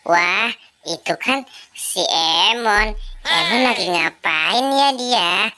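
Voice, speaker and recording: A woman's voice: mid-range voice, sharp tone, smooth, heavily acted. A woman voicing a kind, helpful boy who chattily reassures his friend in a comic kids' skit.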